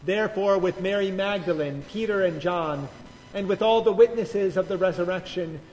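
A male pastor leading liturgical prayers in a slow, measured cadence, heard in the echo of a large church. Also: sits high, a little mellow, a little hiss or hum. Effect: cathedral echo. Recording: long church reverb, faint music.

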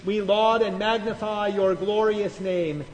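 A male pastor leading liturgical prayers in a slow, measured cadence, heard in the echo of a large church. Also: high voice, steady tone, slight background noise. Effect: cathedral echo. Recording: long church reverb, faint music.

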